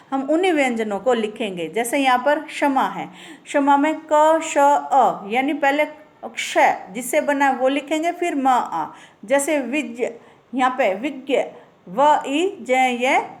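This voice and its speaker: A woman teacher giving a recorded grammar lesson, spelling words out slowly sound by sound. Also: sits high.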